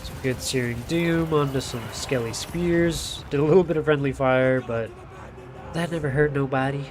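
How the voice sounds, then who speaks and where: A man's voice: medium pitch, normal speed. Nasal, stuffed-up man casting a game. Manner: loose and chatty, swears casually, lots of fillers. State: blocked sinuses. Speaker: game caster and streamer. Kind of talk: casual play-by-play game commentary. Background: music playing.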